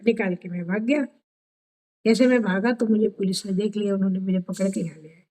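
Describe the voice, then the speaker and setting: An older woman telling a story in a devotional session, animated and acting out conversations, speaking over a video call. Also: mid-range voice, fairly quick. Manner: animated, acts out dialogue with children. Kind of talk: storytelling talk.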